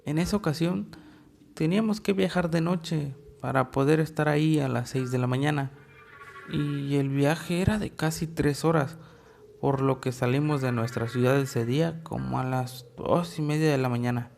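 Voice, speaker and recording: A man narrating a first-person horror story in a measured, deliberate way with dramatic pauses. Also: a little high, creaky, darkish tone, faint music behind.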